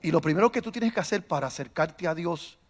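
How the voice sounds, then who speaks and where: A man, a pastor preaching a sermon who starts calm and builds to loud, fervent preaching, acting out stories along the way. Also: on the high side, fast talker. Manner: tells stories, acts out quoted voices. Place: church.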